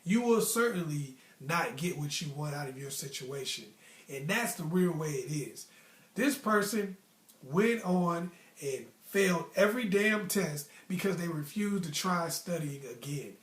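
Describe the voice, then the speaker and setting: At a measured pace, a young American host with a noticeably high, slightly bright voice tells stories in a casual, slangy manner. He's expressive and leans hard on his points while offering motivational advice, with clear echo in the roomy sound.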